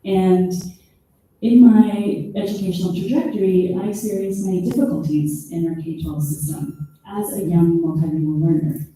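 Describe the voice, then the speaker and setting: A woman gives an academic conference presentation, explaining her study at a measured pace. Her voice sounds very dark and dull, and she stands well back from the microphone. A strong echo from the hall surrounds every word. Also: fairly low pitch, fairly even intonation, slight background noise. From born in Peru, raised in the United States. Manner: measured and explanatory, stretching key terms. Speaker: special education professor presenting research. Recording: echoey room, voice distant from the mic.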